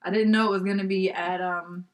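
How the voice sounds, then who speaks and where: A woman's voice: mid-range voice, fairly even intonation, fairly quick. A young adult woman, a podcast guest, telling a story in casual chat, acting out the voices of the people she quotes and laughing often.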